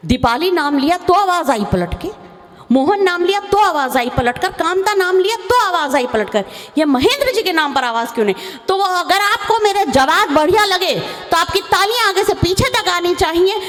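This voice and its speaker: A young woman stage poet tells chatty, comic stories to a live audience at a poetry recital, now and then breaking into sung verse. Her voice is very high, lively, slightly bright, at a normal pace. The large hall adds long reverb over faint noise.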